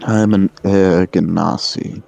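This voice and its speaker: A man voicing a polite, dignified air genasi adventurer in a tabletop game, speaking in a measured, formal way. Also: sits low, steady tone, creaky, darkish tone, full character voice.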